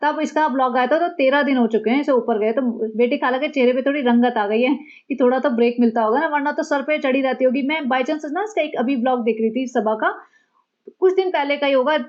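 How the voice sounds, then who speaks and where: A woman's voice: high voice, fairly quick, darkish tone. A woman giving chatty, sarcastic gossip commentary, recorded with a dull, lo-fi sound. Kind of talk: casual commentary.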